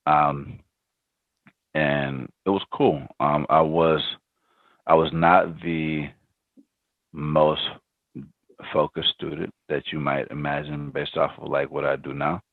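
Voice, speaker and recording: This very deep male voice belongs to a startup founder in his thirties, a podcast guest who answers interview questions reflectively with lots of ums and restarts. The recording is dry, like a phone-quality remote line.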